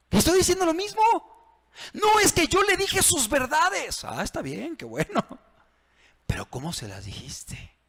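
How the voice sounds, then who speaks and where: A man's voice: fairly high pitch, vocal fry, a bit bright. A man, a pastor preaching to married couples, acting out phrases in different tones. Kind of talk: sermon on marriage. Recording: long reverb of a hall.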